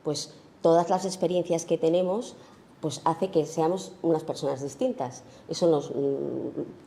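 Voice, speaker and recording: A woman's voice: deep voice, dark tone. A woman photographer giving an informal talk about her own work, thoughtful and searching, with many fillers and tag questions. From Spain.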